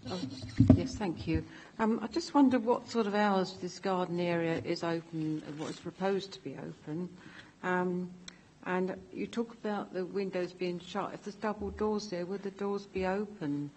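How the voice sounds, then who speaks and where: A woman's voice: fairly low pitch, normal speed, darkish tone. A woman informally asking questions as a councillor at a public meeting. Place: council meeting chamber, indoors. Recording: faintly noisy room with clicks.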